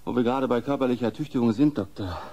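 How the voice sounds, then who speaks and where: An actor playing a flirtatious, sarcastic, rebellious patient with a husky voice in a German horror radio play. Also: male voice, medium pitch, rapid-fire, warm tone, slight background noise, natural voice. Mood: cheeky. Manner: insistent, cheeky.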